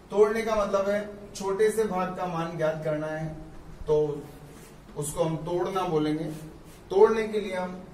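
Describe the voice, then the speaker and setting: A physics teacher gives a classroom lecture, explaining step by step and repeating terms slowly. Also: male voice, high voice, a little mellow, a little hiss or hum. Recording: echoey room, mic far off.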